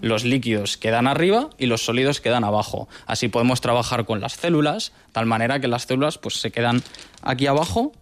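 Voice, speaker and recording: A doctoral researcher in his twenties from Madrid, Spain, explains his work in a research laboratory. His mid-range voice stays measured and patient, with small restarts along the way.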